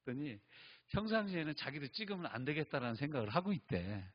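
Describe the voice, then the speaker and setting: A male pastor preaches in a conversational, emphatic way, firing off rhetorical questions. His husky voice sits fairly high and swings widely in pitch. The recording is dull and lo-fi. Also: big pitch swings, fast talker. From Chungcheong, Korea. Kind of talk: sermon.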